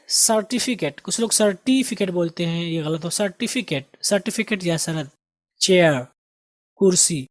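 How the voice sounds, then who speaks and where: A man teaching English as a host of an online lesson, with an Indian Urdu accent, drilling vocabulary by repeating each word slowly. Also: high-pitched, no room sound. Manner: drills words with slow repeated pronunciation. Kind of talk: recorded lesson.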